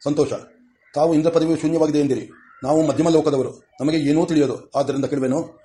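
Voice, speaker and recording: A man voicing a dignified, humble human king, in a measured, formal audiobook reading. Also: on the high side, fairly even intonation, warm tone, close to an everyday voice. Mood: courteous.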